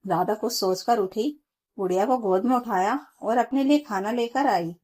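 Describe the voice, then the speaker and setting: A woman's voice: on the high side, normal speed, darkish tone. A woman storyteller giving a scripted narration of an emotional family story.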